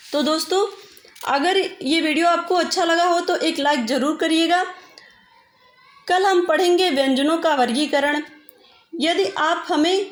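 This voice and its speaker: A woman's voice: high voice, reverberant. A woman teacher giving a patient grammar lesson, stretching out example vowel sounds as she explains.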